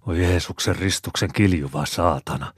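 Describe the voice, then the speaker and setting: A boisterous storybook boatman who shouts and curses at full volume, put on by a male reader. His voice sits very low and husky. It is heard up close in a dry recording. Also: dry recording. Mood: alarmed. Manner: loud, exclaiming, cursing. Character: rowdy man in a rowing boat, boisterous.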